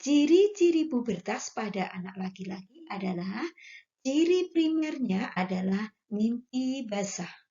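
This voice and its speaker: A woman's voice: on the high side, animated, mellow, highs cut off. A woman teacher, reading exercise questions aloud and then giving the answers. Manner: slow, careful, reads questions then gives answers. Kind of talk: slow classroom lesson, reading exercises aloud.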